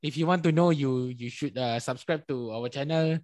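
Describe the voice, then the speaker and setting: A man's voice: medium pitch, normal speed, a little mellow, dry recording. A young man, co-hosting a casual podcast with an easygoing, joking manner. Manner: joking, easygoing, uses Malay particles. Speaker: podcast co-host. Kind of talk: casual chat.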